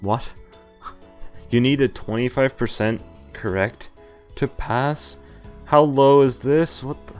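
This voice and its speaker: Reading a visual novel over game music, this male streamer speaks slowly at a medium pitch, with a darkish tone and frequent pauses. He drifts casually between the script and his own joking remarks.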